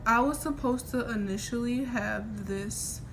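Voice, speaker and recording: A woman's voice: fairly high pitch, unhurried, music in the background. A young adult woman chatting casually as a vlogger, telling a personal story in an informal, rambling way with a mouth sore from oral surgery. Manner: informal, rambling, quoting herself. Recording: noisy homemade recording with room ambience.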